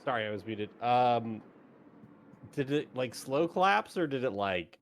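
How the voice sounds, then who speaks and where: A man's voice: mid-range voice, animated, measured pace, slight background noise. A man playing a tabletop game, chatting casually, swearing and joking. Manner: swears freely, loose and jokey. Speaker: player. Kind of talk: casual chat.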